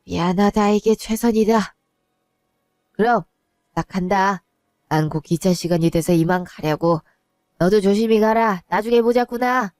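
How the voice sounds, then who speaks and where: A woman voicing a weary, indebted old father who speaks low, gentle and resigned in a one-voice audio drama. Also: unhurried, long pauses, dry recording, clean studio sound, faint music behind, close to an everyday voice. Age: older.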